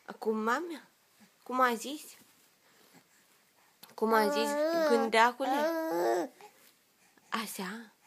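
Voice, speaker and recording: A mother talking gently to her baby in baby talk, asking coaxing, repetitive questions. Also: a little high, pauses often. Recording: noisy home video.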